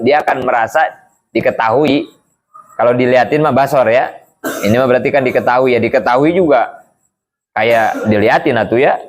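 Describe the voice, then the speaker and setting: A man giving a casual religious lesson, chatting along and asking his listeners rhetorical questions over and over. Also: medium pitch. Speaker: Islamic teacher.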